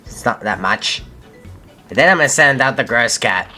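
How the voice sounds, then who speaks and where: A man's voice: mid-range voice, animated, normal speed, sharp tone. Young guy talking thru a game he's playing, rambly, keeps fixing what he just said, voice jumps up and down a lot. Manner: rambling, thinks aloud, corrects himself mid-sentence. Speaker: gaming channel host. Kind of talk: casual gameplay commentary. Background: faint game music.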